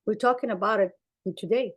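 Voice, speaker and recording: Speaking briskly in a mid-range voice, a woman clinician from Somalia presents a slide-based conference talk, and the sound is lo-fi. Arabic is her first language, and her earnest, emphatic delivery leans on repeated phrases for stress.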